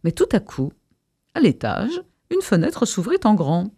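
A man presenting and reading aloud an excerpt of a novel, expressive with a few hesitations. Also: high voice, unhurried, creaky, breathy edge, no echo, studio quality. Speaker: radio presenter and reader.

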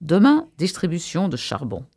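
A man voicing a small-town mayor who shouts promises to a crowd from a window, in a novel read aloud. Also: a little high, huge pitch swings, normal speed, breathy edge, exaggerated voice. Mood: shouting.

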